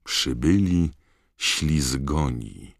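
A man's voice: extremely low pitch, lively intonation, extremely slow, gravelly, no room sound, studio quality, exaggerated voice. A man reading an audiobook and voicing an arrogant teenage schoolboy with a cold, sneering drawl.

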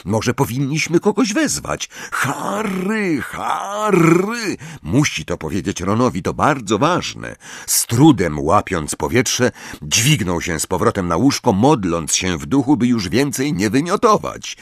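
A man narrating an audiobook in a dramatic, expressive reading style. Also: deep voice, a little slow, few pauses, dry recording, clean studio sound.

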